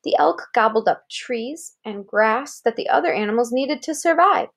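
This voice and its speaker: An American woman with a slightly high, animated voice reads a children's article aloud at a moderate pace, like a parent. She reads expressively, adding explanatory asides and questions to check understanding.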